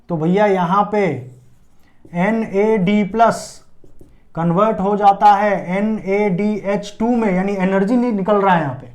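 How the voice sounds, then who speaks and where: A man teaching a biology lesson at a board, explaining step by step and asking and answering his own check questions. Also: high-pitched. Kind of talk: classroom lecture at a board.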